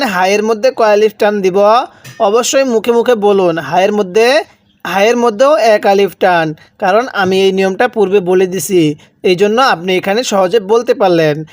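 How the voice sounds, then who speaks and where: A man teaching Quran reading in Bengali with a Bangladeshi accent, spelling out words slowly and asking and answering his own questions. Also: high-pitched, no room sound. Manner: drills syllable by syllable, asks and answers own questions. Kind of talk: slow spelled-out recitation lesson.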